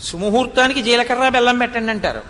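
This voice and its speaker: A man's voice: very high-pitched, fast talker, sharp tone. A man giving a devotional discourse, telling the story expressively, asking rhetorical questions and reciting Sanskrit verses. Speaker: religious discourse speaker. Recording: long hall reverb.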